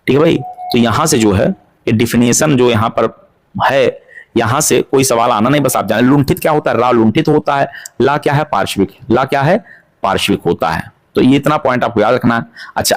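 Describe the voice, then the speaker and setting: A man's voice: medium pitch, a little fast. A man teaching an exam-prep grammar lesson, asking questions and answering them himself to drill each point. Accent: Hindi-speaking North Indian.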